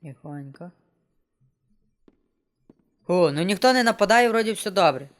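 A man's voice: high voice, animated, fast talker. A man streaming a game and chatting casually to himself, joking as he plays. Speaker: gameplay streamer. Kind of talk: casual let's-play commentary. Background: game music.

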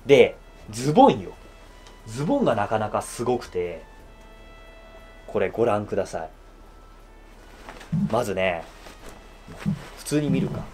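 A man's voice: measured pace, long pauses, faint music behind. A man in a casual show-and-tell review of his own bespoke suit, chatting and laughing often. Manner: chatty, laughs often, lively swings in pitch.

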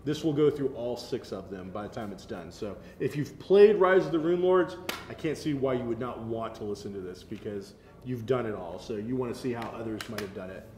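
A geek culture show co-host, American and in his thirties, speaks briskly with lively intonation in a medium-pitched, slightly mellow voice. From his seat at a table in a medium-sized indoor room, he casually reviews and keenly explains details; the sound is echoey with faint noise in the background.

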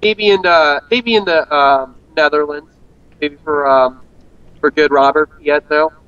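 A man's voice: fairly high pitch, fairly even intonation, measured pace, a bit bright, smooth, dry recording, highs cut off. A young man in a casual gaming chat over a voice call, yelping whenever he crashes. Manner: yelps at his own crashes.

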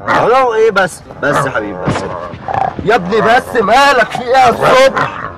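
A man's voice: high-pitched, sing-song, normal speed, gravelly, very noisy. Agitated Egyptian man in a taxi. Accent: Egyptian Arabic. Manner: agitated, pleading, repeatedly asking what is wrong. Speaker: prank victim, taxi passenger. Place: inside a car.

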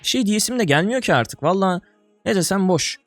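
A man's voice: sits high, animated, brisk, dry recording, faint music behind. A young man giving casual commentary while playing an online game, exasperated and groaning, calling viewers brother and buddy. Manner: exasperated, groaning and swearing under breath. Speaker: gaming streamer.

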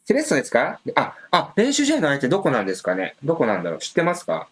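A man's voice: a little high, huge pitch swings, rapid-fire, breathy edge. A man hosting a casual live stream, thinking aloud with many fillers and reading out viewer comments. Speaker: livestream host previewing a soccer match.

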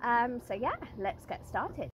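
A woman's voice: on the high side, lively intonation, slow pace, music in the background. A woman, hosting a casual product review vlog outdoors at a stable, filmed on a phone at arm's length, chatty with many ums. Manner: chatty, lots of ums and uhs. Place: outdoors at a stable yard and field. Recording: outdoor noise behind the voice.

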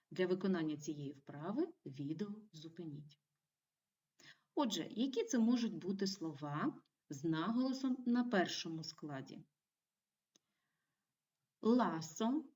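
A woman teaching a primary school video lesson, giving clear and encouraging instructions to young children. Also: on the low side, mellow, recorded from a distance. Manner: clear, encouraging classroom delivery.

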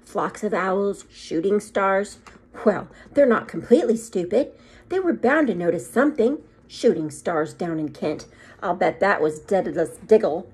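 A woman's voice: medium pitch, expressive, unhurried, a little mellow, husky. A woman voicing a stern, exasperated older witch professor in a storybook, speaking emphatically and indignantly. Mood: irritated.

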